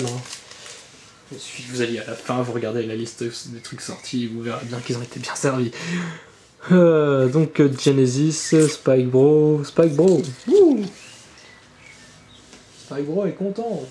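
A man talks his way through a casual card unboxing, chatty and loose, with a mellow, darker voice. He rambles with fillers and swears offhandedly. The room around him is roomy and echoey, with a faint hum of background ambience. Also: mid-range voice, steady tone, normal speed. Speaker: channel host opening trading card boxes. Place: indoor room with birds outside.

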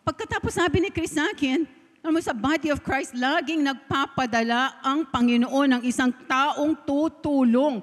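A woman's voice: high-pitched, moderate pace. A middle-aged woman from the Philippines with a Filipino accent, giving a heartfelt sermon testimony and slipping in English phrases. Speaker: preacher. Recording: long reverb of a hall.

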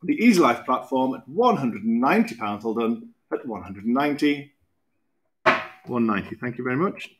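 A man in his thirties with a British accent, working as an auctioneer at a podium, calling bids in a brisk, repetitive rhythm with quick asides. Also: mid-range voice, expressive, very noisy. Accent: British English. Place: auction room podium, indoors.

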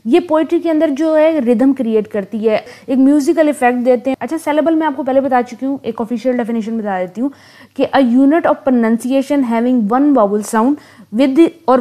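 Mellow-voiced woman teaching poetry terms. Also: a little high. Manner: switches to slow, careful reading for English definitions. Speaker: literature teacher. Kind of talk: explaining lecture, reading definitions slowly.

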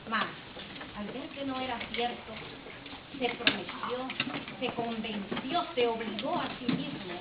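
Recorded by a distant camera in the hall, a Honduran woman poet reads at a festival podium in a slow, solemn, declamatory recital. Her pitch is fairly high, and the lo-fi camera audio, captured via the podium mic, is dull, very noisy and full of loud music.

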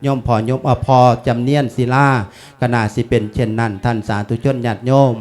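A man's voice: mid-range voice, level tone, fairly quick, darkish tone. A man in his fifties, a monk with an Isan accent, giving a folksy, chatty funeral sermon laced with chanted Pali. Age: 50s.

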